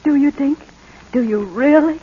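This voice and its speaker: On a muffled old recording from a 1940s radio drama, a woman with a high-pitched voice plays a tender, anguished mother appealing to her estranged son. She speaks at normal speed, lightly acted, sounding tender and hesitant.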